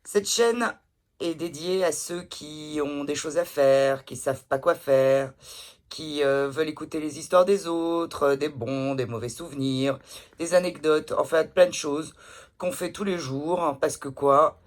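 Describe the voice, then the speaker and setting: A woman vlogging to her phone indoors, telling everyday anecdotes in a blunt, chatty way with plenty of swearing. She takes her time over the words, unhurried and drawn out. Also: low-pitched. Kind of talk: casual storytelling to camera. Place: indoors, pillow behind her. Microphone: phone camera.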